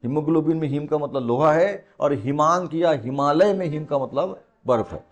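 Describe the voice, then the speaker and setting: High-voiced coaching teacher. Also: male voice, normal speed, lo-fi sound. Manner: colloquial and teasing, repeats key words, asks students rhetorical questions. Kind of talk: classroom lecture.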